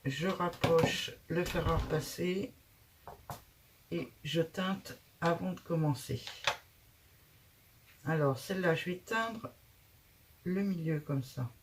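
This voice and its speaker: A woman's voice: low voice, slow, long pauses, noisy background. A woman hosting a casual craft tutorial, chatting and thinking aloud as she works, with frequent hesitations.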